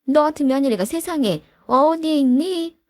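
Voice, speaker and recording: A woman's voice: high-pitched, lively intonation, moderate pace, no room sound, clean studio sound. A woman voicing a pushy elderly mother-in-law who scolds and makes demands, read for a drama-style story. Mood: scolding.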